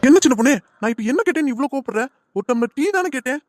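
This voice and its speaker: A woman's voice: high-pitched, expressive, very fast, no room sound, clean studio sound, faint music behind. A woman voicing a timid, henpecked husband in a cartoon comedy. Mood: pleading. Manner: timid, pleading. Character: meek henpecked husband, middle-aged man.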